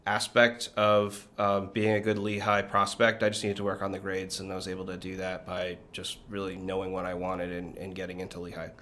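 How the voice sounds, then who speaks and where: A man in his thirties from Connecticut, a guest in an interview, talking in a relaxed, reflective way with many fillers. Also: sits low, fairly quick, hardly any pauses. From Connecticut, USA. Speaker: guest, business leader. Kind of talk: conversational interview.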